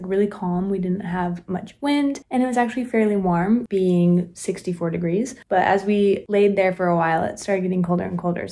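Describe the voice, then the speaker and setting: A woman's voice: medium pitch, a little mellow. A young woman in her twenties chatting casually to a phone camera at arm's length in a bedroom, describing her day and outfits. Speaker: vlogger. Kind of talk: casual vlog talk to camera. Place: bedroom at home, indoors. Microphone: phone held at arm's length.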